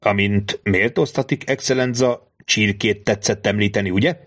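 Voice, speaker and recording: A man voicing a smooth, mock-deferential bandit jailer in an audiobook. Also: lowish voice, a bit bright. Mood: mock-polite. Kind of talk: audiobook character voice.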